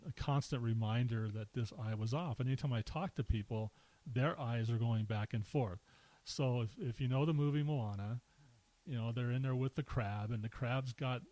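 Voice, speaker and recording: A middle-aged man appears as a podcast guest, casually sharing personal anecdotes in a relaxed way, chuckling and acting out quotes. His medium-pitched male voice comes through a dry recording with poor audio.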